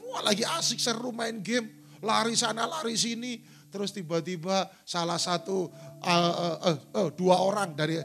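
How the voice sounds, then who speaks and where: A man's voice: on the high side, fairly bright tone. A middle-aged male pastor preaching a sermon in a church, telling stories and acting out quotes. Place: church sanctuary.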